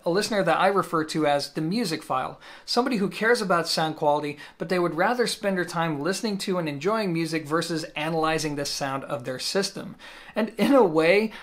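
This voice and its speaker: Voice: mid-range voice, fairly bright tone. A channel host narrating a scripted review of audio equipment in an upbeat, casual way, with jokey asides to the viewer.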